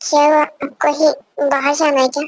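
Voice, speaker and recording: A woman's voice: high-pitched, little pitch movement, moderate pace, no echo, natural voice, poor audio. A young woman voicing an innocent, timid young man who pleads in an amateur fan dub. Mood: meek. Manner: pleading, plaintive.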